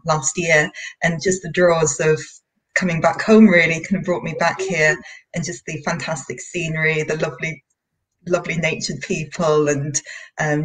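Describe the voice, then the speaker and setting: A woman in her thirties, raised in Bahrain, works as a vet and explains her work earnestly over a video call, often repeating words as she thinks. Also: deep voice. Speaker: veterinarian guest. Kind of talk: explanatory interview talk. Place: indoor room at home.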